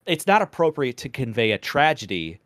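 A man and former radio presenter, chatting as a podcast guest in a measured, deliberate way, projecting from the diaphragm and swearing casually. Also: mid-range voice, sing-song, fairly bright tone, no room sound, clean studio sound. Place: podcast recording.

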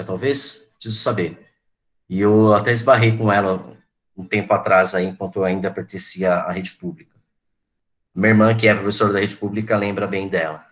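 A man in his forties talks to his online class in a loose, reminiscing way. His voice sits a little low, and he keeps turning to students by name as he goes. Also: fairly bright tone. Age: 40s. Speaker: teacher.

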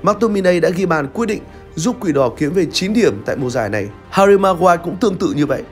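A young man reads a scripted football review as a commentator, with a lively, dramatic storytelling delivery, recorded on a studio set with a lavalier mic. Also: high voice, fast talker, faint music behind. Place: red studio set with screens. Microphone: lavalier mic on shirt.

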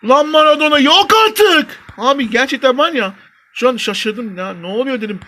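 A young man commentating his own football video game match, shouting and stretching player names as attacks build, muttering low when plays go wrong. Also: animated, moderate pace. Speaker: gaming YouTuber. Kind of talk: excited mobile football gameplay commentary. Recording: faint game music behind.

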